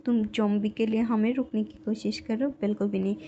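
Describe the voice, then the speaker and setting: A woman's voice: mid-range voice, steady tone, quick pace, warm tone, highs cut off, natural voice. A woman doing a blunt, threatening gunwoman. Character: hostile woman fighter with a gun.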